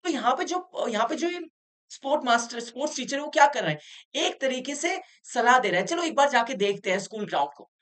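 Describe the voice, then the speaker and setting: A woman's voice: high-pitched, animated, a bit bright. Patient woman tutor, quizzing rhetorically. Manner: keeps checking understanding with rhetorical questions; reads English sentences slowly, then explains in Hindi. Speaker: English teacher. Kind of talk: Hindi-English tutoring lesson.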